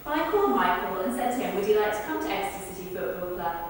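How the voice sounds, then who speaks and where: In a large, echoey rehearsal room, a woman with a mid-range, lively voice talks fast and acts only lightly as she earnestly delivers verbatim theatre monologues about a football club's celebrity visit. The mic sits far off, picking up the hall's reverb and a faint hiss.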